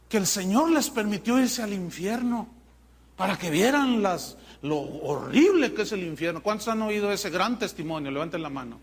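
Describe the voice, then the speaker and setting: A man preaching a sermon as pastor, in an animated, mocking way. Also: sits high, breathy edge.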